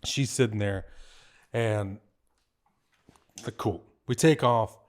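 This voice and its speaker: A tattoo artist who is an adult with a kid of his own guests on a podcast, telling a story casually in a fairly low voice at a slow pace. He's animated and profane, swearing a lot and laughing often.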